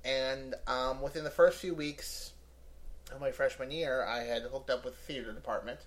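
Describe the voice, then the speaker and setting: Male improv comedian as podcast guest, casual, anecdotal, mid-pitched. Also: fairly even intonation, moderate pace, fairly bright tone. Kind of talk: casual chat, personal anecdotes.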